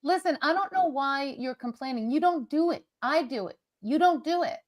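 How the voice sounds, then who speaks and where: Casting note: middle-aged Boston woman, fairly high voice, lively comic banter. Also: moderate pace. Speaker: podcast co-host. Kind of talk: comedic couple banter.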